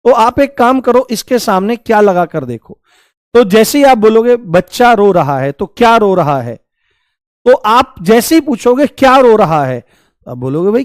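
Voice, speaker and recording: High-voiced teacher drilling grammar. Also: male voice, no echo, studio quality. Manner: repeats examples, coaxing students with rhetorical questions. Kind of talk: online grammar lesson.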